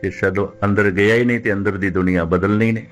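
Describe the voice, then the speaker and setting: An older man giving a measured religious discourse, repeating phrases and slowing down to recite scripture. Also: fairly low pitch, steady tone, over music. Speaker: Sikh preacher giving katha.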